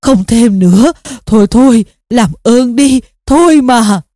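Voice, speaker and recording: A woman's voice: fairly high pitch, lively intonation, measured pace, warm tone, dry recording, studio quality. A woman voicing a very old male wizard in agony, begging for it to stop with anguished cries. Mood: pleading anguish.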